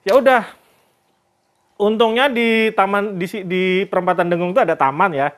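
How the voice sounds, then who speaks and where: A man's voice: sits high, normal speed, a bit bright. A man vlogger telling a story in a casual, chatty way and addressing his viewers directly. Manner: religious greetings and expressions.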